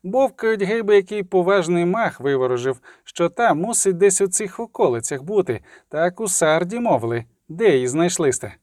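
A rough mounted henchman, as a male audiobook reader puts him on, gruff and quick to get excited, his voice pushed up above the reader's usual pitch. It is recorded close and dry. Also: no echo.

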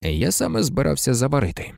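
A man voicing a calm, kind male teacher in an audiobook, who speaks in a soft, thoughtful way. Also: medium pitch, a little fast, creaky, no echo, clean studio sound, full character voice. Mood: gentle.

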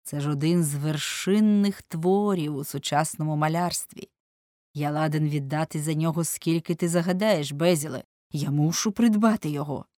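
A woman reading aloud voices an ironic, cynical aristocrat who talks in a dry, mocking, unhurried way. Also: sits low, warm tone, no room sound, lightly acted. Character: suave ironic aristocratic man, amused and cynical.

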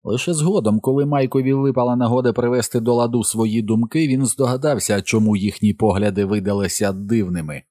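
A man narrating an audiobook in a measured, steady storytelling manner. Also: medium pitch, no room sound, studio quality. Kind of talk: scripted narration.

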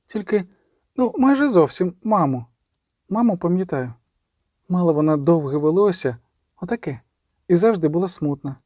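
A stubborn young girl answers in a high, hesitant voice, as a man reads her lines. She is quiet and evasive, unwilling to remember. The storybook reading sounds dry and close. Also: lively intonation, normal speed, long pauses, dry recording. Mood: reluctant.

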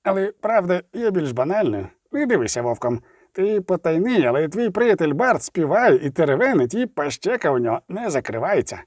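A man voicing a gruff, blunt male dwarf leader in an audiobook, mocking and quick to swear. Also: high voice, sing-song, a little mellow, no room sound, studio quality. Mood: sly. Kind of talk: audiobook reading.

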